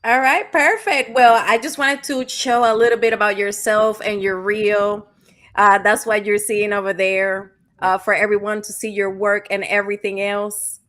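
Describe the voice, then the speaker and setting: A woman's voice: medium pitch, fairly even intonation, normal speed, fairly bright tone. A woman hosting an online interview show over a video call, upbeat and effusive with praise. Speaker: host and company founder.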